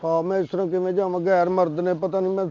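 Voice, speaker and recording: A man's voice: high-pitched, level tone, racing, dark tone, close to an everyday voice. A man playing a coy, girly young fellow. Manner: fussy, coy, talks of himself as a woman. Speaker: comic actor. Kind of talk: comedy sketch acting. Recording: dull lo-fi recording.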